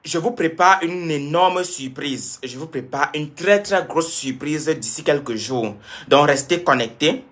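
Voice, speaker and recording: A man's voice: a little high, animated, measured pace, fairly bright tone. A young man from Cameroon, talking to his viewers on a live stream, answering comments and repeating points for emphasis. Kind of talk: casual live-stream talk.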